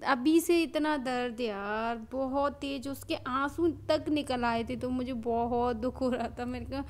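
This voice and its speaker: A young woman vlogging casually at home as a mother, chatty and repeating words for emphasis, sometimes slipping into sing-song baby talk to her daughters. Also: high-pitched. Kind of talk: casual home vlog chat. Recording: noisy home recording.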